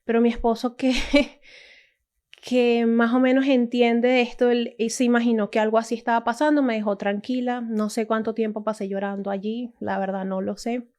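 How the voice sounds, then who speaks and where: A woman's voice: on the high side, little pitch movement, normal speed, darkish tone. A woman from Latin America telling a casual, emotional personal testimony, full of restarts and asides. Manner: emotional, storytelling, many restarts and "o sea". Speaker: testimony speaker.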